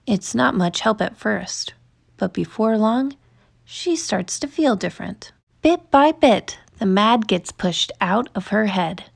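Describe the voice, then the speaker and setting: A woman reading a children's picture book aloud in an expressive, deliberate storytelling manner, stretching words for emphasis. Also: medium pitch, vocal fry. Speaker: storytime reader.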